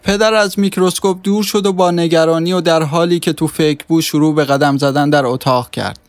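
Male audiobook narrator, steady storytelling, slightly high, dry close mic. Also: dry recording.

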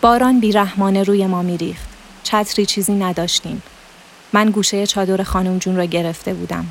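A woman's voice: medium pitch, steady tone, slight background noise. Woman narrating a literary story. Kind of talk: literary audiobook reading.

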